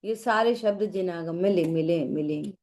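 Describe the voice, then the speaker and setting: A woman teaching a religious study class, explaining slowly and often asking the listeners questions. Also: fairly low pitch, warm tone.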